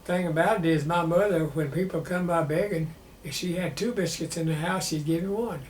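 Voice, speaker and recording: Elderly Southern veteran remembering, high-pitched voice. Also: male voice. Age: 90s. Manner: old veteran remembering, plainspoken and halting. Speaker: war veteran being interviewed. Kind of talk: personal reminiscence in an interview. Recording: roomy echo with faint background noise.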